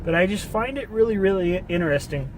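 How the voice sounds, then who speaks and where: A man's voice: high-pitched, animated, fairly quick, background noise. A man in his late twenties talking casually in a rambling monologue, cursing freely and repeating himself as he works through a story. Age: 20s.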